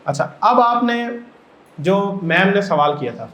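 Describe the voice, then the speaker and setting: A man from Pakistan leads a teacher-training workshop, walking through the material step by step and repeatedly putting questions to the audience. His voice is high-pitched, lively and slightly bright. The recording has an echoey room and a dull, lo-fi quality.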